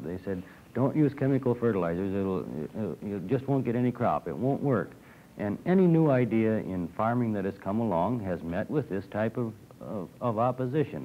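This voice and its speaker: A man's voice: fairly low pitch, slight background noise. A young man speaking earnestly on a TV panel discussion, recorded in a studio on a desk microphone with old film sound. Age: young adult. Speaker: farm organization member. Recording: dull 1960s TV film sound.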